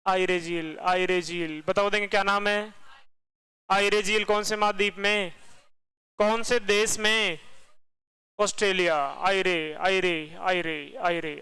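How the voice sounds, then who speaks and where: A man teaching a geography class, firing quick questions at his students and repeating the answers himself. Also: high-pitched, sharp tone, smooth, poor audio.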